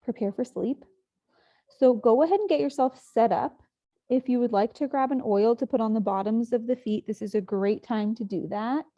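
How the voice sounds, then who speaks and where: A woman's calm, flat-pitched voice carries a sleep meditation, moving gently and pausing for long stretches. The recording is a little muffled and has a lo-fi quality.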